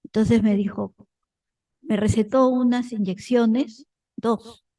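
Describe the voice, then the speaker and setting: Mellow-voiced woman telling a personal story. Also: on the high side, steady tone, takes it slowly, rough recording. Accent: Peruvian Spanish. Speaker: parishioner sharing a story. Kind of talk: personal account in a group.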